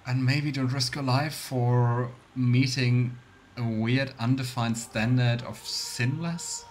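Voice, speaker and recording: Streaming a game, a man with a mid-range, steady voice speaks slowly in casual, rambling Let's Play commentary, musing as he thinks aloud. Faint game music plays, and there's a little hiss or hum.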